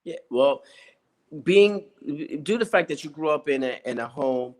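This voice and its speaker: A man's voice: fairly high pitch, lively intonation, measured pace. A man hosting an interview, asking long, rambling questions full of hesitations. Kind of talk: casual interview talk.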